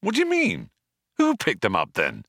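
An impatient, careless man as a male reader puts him on, blustering and easily exasperated. His pitch swoops wildly, in a dry storybook recording. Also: huge pitch swings, normal speed, fairly bright tone, no echo, full character voice. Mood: astonished. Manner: blustering, hesitant stretched words, exasperated.

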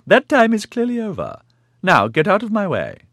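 A man playing a shrill, wavery old woman. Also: huge pitch swings, moderate pace, fairly bright tone, no echo, clean studio sound, full character voice. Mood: indignant scolding. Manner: indignant, scolding. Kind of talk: audiobook character voice.

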